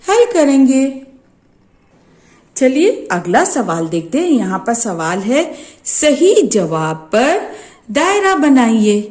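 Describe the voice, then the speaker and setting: A woman teacher with an Urdu-medium Maharashtra accent, slowly walking young children through a first-grade maths exercise, asking questions and answering them herself. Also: fairly high pitch, a little mellow. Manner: slow, sing-song questions answered by herself. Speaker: primary school teacher.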